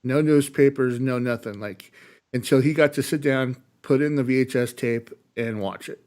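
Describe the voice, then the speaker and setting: A man's voice: medium pitch, a little mellow, smooth. A man co-hosting a podcast, telling stories in casual chat with frequent fillers and restarts. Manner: storytelling, halting with fillers. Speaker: podcast co-host.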